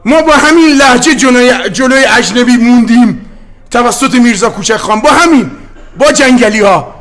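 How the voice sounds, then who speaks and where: A man from Gilan with a Gilaki-tinged accent and a strikingly high-pitched voice, speaking as a football head coach. He delivers a heated, defiant post-match interview with great passion. He is middle-aged. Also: animated, fairly bright tone. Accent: Gilaki-tinged Persian. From Gilan, Iran. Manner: impassioned, defiant speech.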